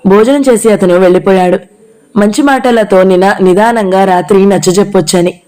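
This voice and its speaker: Audio-novel narrator, steady storyteller, warm tone. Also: female voice, mid-range voice, normal speed, rough recording. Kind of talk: reading a novel aloud.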